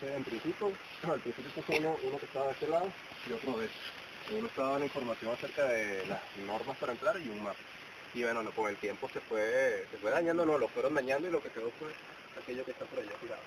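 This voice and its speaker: Out in the forest next to a signboard, a young Venezuelan guide for a cave tour delivers a quick, informal safety briefing with anecdotes in a mid-pitched voice. His words come through a camera placed a few steps away, with rough, noisy audio.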